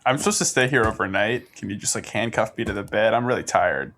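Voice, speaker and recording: A man's voice: lowish voice, quick pace, fairly bright tone, a little hiss or hum. A man playing a tabletop game, talking casually and searching for words. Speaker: player. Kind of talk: casual chat.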